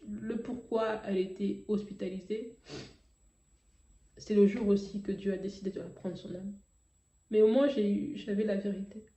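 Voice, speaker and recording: A woman's voice: mid-range voice, warm tone, roomy sound, muffled recording. Emotional woman telling a testimony. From Africa. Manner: emotional, hesitant, many fillers and restarts. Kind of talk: personal testimony.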